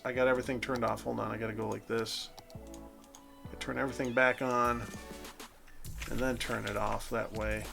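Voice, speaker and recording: A man's voice: medium pitch, gravelly, pushed and bright. A man casually narrating his own gameplay, thinking aloud and correcting himself as he goes. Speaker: gameplay commentator. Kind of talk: casual let's-play narration.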